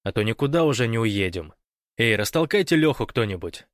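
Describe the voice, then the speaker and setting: A man's voice: medium pitch, big pitch swings, a little fast, no echo, lightly acted. A teasing, wisecracking team captain from an audiobook, read by a man. He jokes and sometimes barks commands. The recording is close and dry. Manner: teasing, barking.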